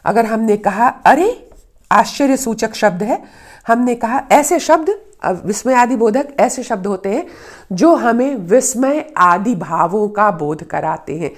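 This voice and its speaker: A woman teaching Hindi grammar in a patient lesson, repeating her example sentences and stressing the key words. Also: fairly low pitch. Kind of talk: explanatory lesson.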